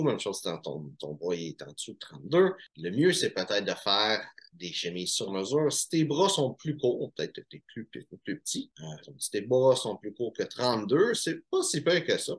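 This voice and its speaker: A Québécois man talks through menswear advice in a relaxed, chatty way, full of fillers and restarts. His voice sits a little on the low side. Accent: Québécois French. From Quebec, Canada. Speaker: menswear style YouTuber. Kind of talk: casual instructional talk to camera.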